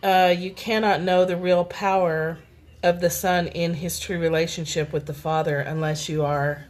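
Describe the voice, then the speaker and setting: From her home, with children audible in the background, a low-pitched woman hosts a live stream on her phone. She reads a daily spiritual text and discusses it in a relaxed, unhurried way, greeting viewers by name.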